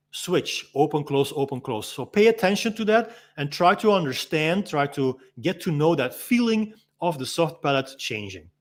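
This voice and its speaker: Man, freediving instructor, slightly high voice, patient step-by-step teaching, demonstrates sounds. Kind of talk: instructional walk-through.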